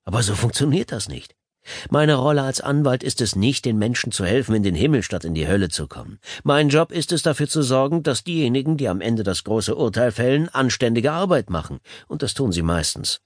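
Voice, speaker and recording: A man's voice: medium pitch, sing-song, fairly quick, no echo. A man narrating an audiobook in the first person, with a sardonic, dry wit.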